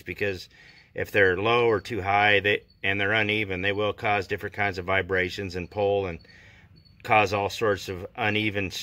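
A man in his forties with a lowish, bright voice, talking in an offhand, plainspoken way while he works on his car. He films himself at arm's length inside the car and out in a driveway. The sound is dry and close. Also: no room sound. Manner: plainspoken, offhand, lots of fillers. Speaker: vlogger doing car maintenance. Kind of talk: casual how-to vlog. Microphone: handheld camera at arm's length.

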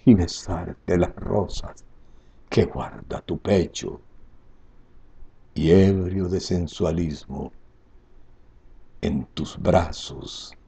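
A man in his seventies declaiming poetry in a grand, dramatic manner, with slow phrasing that swells in emphasis and falls away softly, in a husky, gravelly voice. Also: sits low. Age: 70s. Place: indoor room at home.

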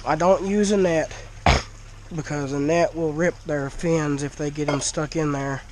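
A congested fish-keeper vlogs casually to camera from a dim cinder-block shed, filming his tank with an action camera worn on himself. His voice sits on the high side, steady in tone and measured in pace, with a homely, chatty manner. The recording has a noisy background.

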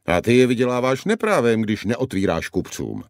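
A man's voice: mid-range voice, sing-song, no echo, studio quality, voice pushed up, lightly acted. A man voicing a proud young knight in an audiobook, firm and commanding. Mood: stern. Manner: firm, demanding. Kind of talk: audiobook character voice.

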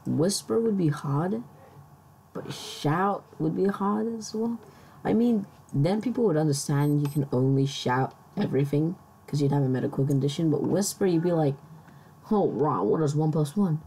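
A woman's voice: sits low, expressive, normal speed, mellow, a little hiss or hum. A woman vlogger musing aloud in casual chat, hesitant, with many restarts.

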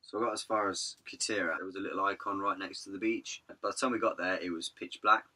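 A hoarse man, telling his vanlife story in a rambling, chatty way. He says he is losing his voice. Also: deep voice, steady tone, quick pace, bright, forceful tone. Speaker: vanlife vlogger. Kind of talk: casual vlog narration.

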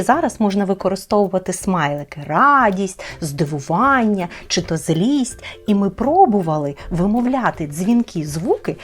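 A woman teacher explaining speech sounds in a clear, deliberate children's lesson. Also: medium pitch.

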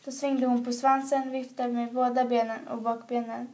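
A woman's voice: a little high, flat delivery, dark tone. A woman reading a children's picture book aloud, stumbling and restarting words often. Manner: halting, frequent stumbles and restarts. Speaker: reader.

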